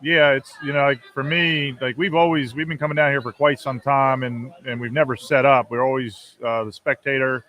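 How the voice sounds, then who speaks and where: A man's voice: mid-range voice, fairly even intonation, moderate pace, hardly any pauses, dull audio. A man in his forties chatting casually as a fishing show co-host at an event, phrasing things hesitantly in small pieces. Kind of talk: casual live-stream chat at an event. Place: booth in a large expo hall. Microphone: close podcast microphone.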